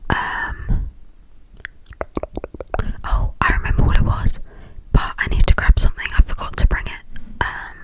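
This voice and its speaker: A young adult from the United Kingdom speaks in a hushed, breathy whisper, rambling informally and hesitantly in an ASMR style. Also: unhurried, pauses often, low-quality recording. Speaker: ASMR video creator.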